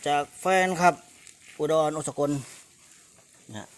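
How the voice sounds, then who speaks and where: A man's voice: takes it slowly, a little hiss or hum. A man with a northeastern Thai Isan accent selling his farm stock in a casual live chat, repeating prices and replies for viewers. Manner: repeats prices and the other speaker's words for viewers.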